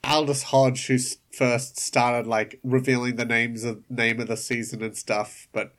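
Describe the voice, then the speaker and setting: A woman with an American accent co-hosting a podcast, chatting playfully and tossing out quick jokes. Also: extremely low pitch, level tone. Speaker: podcast co-host. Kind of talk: casual chat.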